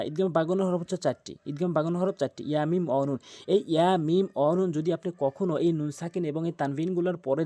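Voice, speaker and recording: A man teaching Quran recitation rules, patiently repeating points with hesitation fillers and slowly drawing out the syllables he sounds out. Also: a little high, warm tone. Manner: slow, drawn-out chanting when sounding out syllables. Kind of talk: tajweed lesson with spelled-out examples.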